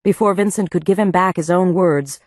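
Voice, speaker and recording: Woman audiobook narrator, lowish voice, measured even read, close mic, dry sound. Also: dry recording. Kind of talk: scripted narration.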